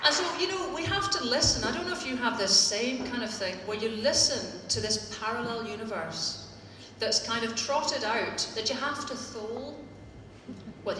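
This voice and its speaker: Her tone is sharp and slightly high as she, a woman from Northern Ireland, addresses a live audience at a political event with pointed wit. A little hiss or hum sits under the echoey theatre-hall recording, made with the mic well away from her.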